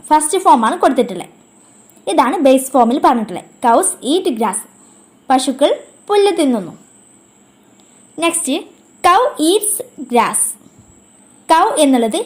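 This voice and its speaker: A woman teaching a grammar lesson from a script, explaining in measured steps and saying English example sentences very slowly. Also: high voice.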